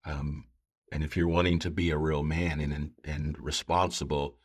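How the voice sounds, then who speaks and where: A man speaking as a pastor in a conversational podcast style, earnest and halting, often voicing other people's remarks. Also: very deep voice, little pitch movement. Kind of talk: conversational podcast talk with storytelling.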